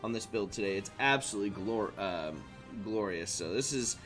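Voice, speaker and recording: A man's voice: fairly low pitch, lively intonation, moderate pace, a bit bright, soft background music. Rambling man hosting a stream. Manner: rambling, many fillers and restarts. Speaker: streamer host. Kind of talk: casual live-stream chat.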